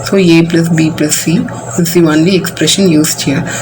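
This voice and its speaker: A woman's voice: sits low, steady tone, moderate pace, music in the background, poor audio. A woman teaching a computer science class. She walks patiently through code line by line, starting most sentences with "so". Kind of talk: classroom coding demo lesson.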